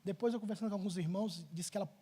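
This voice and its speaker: Husky high-voiced preacher telling a story. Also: male voice, racing. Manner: animated personal storytelling, swinging between loud and hushed. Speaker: pastor. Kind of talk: sermon. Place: church.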